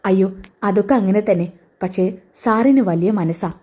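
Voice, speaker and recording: A humble middle-aged servant, anxious and deferential, voiced by a woman retelling the story. The tone is warm and mellow. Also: mid-range voice, moderate pace, breathy edge, close to an everyday voice. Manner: nervous, deferential.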